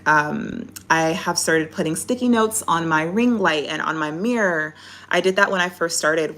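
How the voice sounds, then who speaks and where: A woman with a slightly low voice gives a live coaching talk to an online audience. She has the instructive, encouraging delivery of a life coach, explaining points conversationally and checking that listeners follow. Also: a bit bright.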